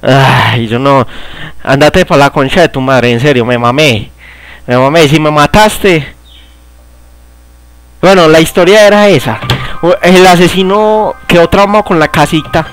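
A young Colombian man with a Paisa accent, cursing and grumbling while he plays a horror game. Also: a little high. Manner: cursing, shrieking and laughing in mock panic. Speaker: gamer. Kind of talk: angry let's-play commentary. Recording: game music behind the voice.

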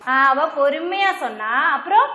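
A primary school teacher with a Tamil Nadu accent leads her young class, coaxing and quizzing them. Her voice sits very high and rings bright. It echoes around a classroom with faint noise behind it. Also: very animated, normal speed. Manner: coaxing, asks the class constant questions. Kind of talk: classroom lesson with young children.

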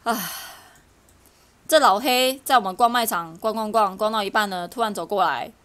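A woman's voice: medium pitch, normal speed. A young woman with a Taiwanese Mandarin accent, a live streamer telling a travel story in casual chat. She tells it with a lot of energy and often laughs at her own story. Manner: animated, laughs through her own retelling.

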